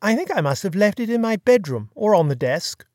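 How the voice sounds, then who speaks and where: A narrator voicing a genial, courteous aristocratic gentleman with a breezy, clipped upper-class manner, in an audiobook. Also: mid-range voice, sing-song, a little fast, no room sound, clean studio sound, voice pushed up, lightly acted.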